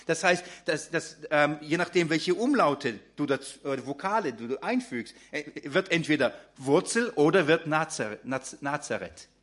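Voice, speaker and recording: A man's voice: a little high, lively intonation, moderate pace, few pauses, fairly bright tone. A man preaching a sermon in German, talking directly to his congregation with frequent fillers and restarts.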